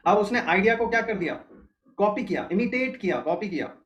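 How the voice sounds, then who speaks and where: Higher-voiced man teaching an online class. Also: lively intonation, brisk, a bit bright, dull audio. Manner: explains step by step, keeps checking students follow.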